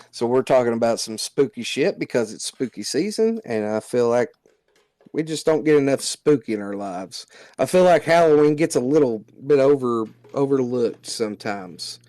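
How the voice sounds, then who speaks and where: A man's voice: mid-range voice, darkish tone, no echo. Loose, profane man chatting. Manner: loose and profane, reads legends aloud. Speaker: livestream co-host. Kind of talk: casual livestream chat.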